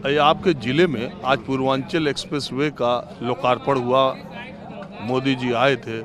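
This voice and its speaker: A man's voice: medium pitch, steady tone, unhurried, a crowd in the background. A male TV news reporter doing street interviews at a roadside, in a conversational, prodding manner. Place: roadside outdoors.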